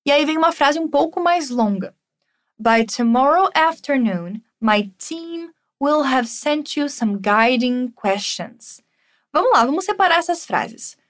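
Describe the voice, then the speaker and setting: A Brazilian woman, a native Portuguese speaker, teaching English phrases in repeat-after-me drills, saying each model phrase slowly and explaining quickly in between. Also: high-pitched, animated.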